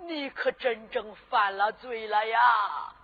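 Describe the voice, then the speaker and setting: Lady doing a panicky old servant guy, high bright pleading voice, muffled old tape. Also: slow, breathy edge. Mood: distressed. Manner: pleading, crying out. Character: old loyal male household servant, anxious. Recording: dull lo-fi recording.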